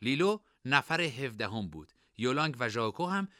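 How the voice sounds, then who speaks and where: Expressive male audiobook narrator. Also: medium pitch, dry recording, clean studio sound. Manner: expressive, varied storytelling delivery. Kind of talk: scripted narration.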